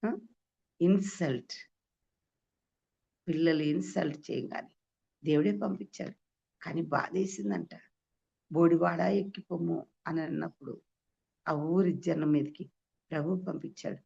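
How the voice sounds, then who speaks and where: A woman preaching an Easter sermon to a women's meeting, giving testimony with emphatic rhetorical questions and sudden high exclamations. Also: measured pace, vocal fry, long pauses, warm tone, slightly rough. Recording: dull lo-fi recording.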